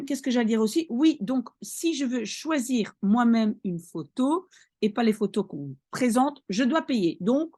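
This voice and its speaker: A woman language teacher leads an online vocabulary lesson at an unhurried pace, her fairly high voice rising and falling a great deal. She reads each phrase carefully, translates it, and keeps checking that her students follow. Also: mellow, husky. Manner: patient and explanatory, often checking "d'accord?" and "hein".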